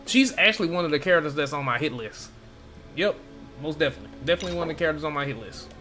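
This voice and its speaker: Rapid-fire and expressive, a man with a slightly high voice streams a video game over its music. His casual commentary is informal chatter and thinking aloud while he plays.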